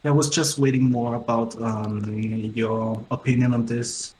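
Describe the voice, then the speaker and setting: A man's voice: medium pitch, fairly even intonation, a crowd in the background. Male debater, hesitant, robotic metallic mic sound, roomy echo. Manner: halting, many fillers and restarts. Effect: robotic, metallic-sounding microphone. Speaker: debate participant. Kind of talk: casual online debate. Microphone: laptop microphone. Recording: echoey with faint noise.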